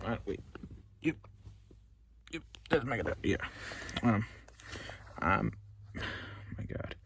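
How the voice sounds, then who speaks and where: Rambling low-voiced guy in a closet. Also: creaky, mellow, a little hiss or hum. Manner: rambling, full of fillers and restarts, loses his train of thought. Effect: recorded inside a closet. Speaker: vlogger. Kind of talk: casual rambling monologue. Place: small closet indoors.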